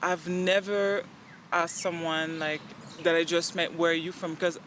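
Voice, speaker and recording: Her fairly low voice moves unhurriedly over slight background noise. She's a young adult interview guest from the Central African Republic who speaks French natively and has a French accent, talking with earnest animation in a relaxed interview and performing quoted lines.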